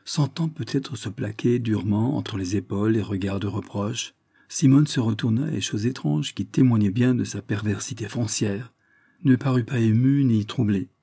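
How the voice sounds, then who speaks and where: A man's voice: lowish voice, normal speed, gravelly, mellow, slightly rough, dry recording, clean studio sound. A man reading a novel aloud with theatrical, emphatic phrasing. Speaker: audiobook reader. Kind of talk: expressive novel narration.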